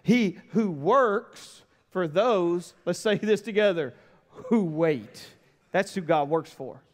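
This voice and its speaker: An American man preaching a sermon as pastor, telling lively stories that swing from quiet lines to shouts. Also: high-pitched, takes it slowly, big-room sound. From United States. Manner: animated storytelling, shifts from quiet to shouting.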